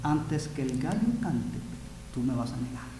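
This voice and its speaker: A Mexican-accented man preacher voicing Jesus as a calm grown man gently warning his disciple. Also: very high-pitched, a little slow, voice pushed up. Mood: solemn warning. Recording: echoey hall with long reverb.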